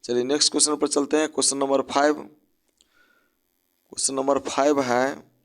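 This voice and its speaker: A man's voice: mid-range voice, little pitch movement, moderate pace, gravelly, a bit bright. A man teaching an English spelling lesson, breaking words into syllables and spelling them out letter by letter.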